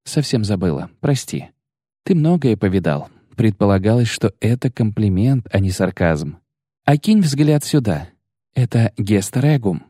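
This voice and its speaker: A man's voice: fairly low pitch, big pitch swings, unhurried, dark tone, no room sound, studio quality. A man voicing a sly, sensual young sorceress in an audiobook reading, teasing, coaxing and self-assured. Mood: playful.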